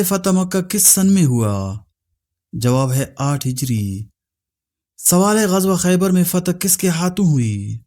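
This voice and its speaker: A man reading out religious quiz questions, stating each answer in a lower, settled tone. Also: a little mellow. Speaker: quiz reader.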